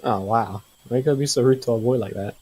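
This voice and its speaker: A man's voice: medium pitch, fast talker, warm tone, slightly rough. A young man co-hosting a podcast, chatting casually and needling his friends with teasing banter. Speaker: podcast co-host. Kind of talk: casual chat.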